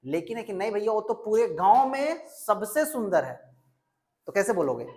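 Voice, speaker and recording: A woman's voice: mid-range voice, big pitch swings, normal speed, darkish tone. A woman teaching an English grammar lesson, asking questions and answering them herself, and stretching out example words. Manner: drills with repeated questions and answers.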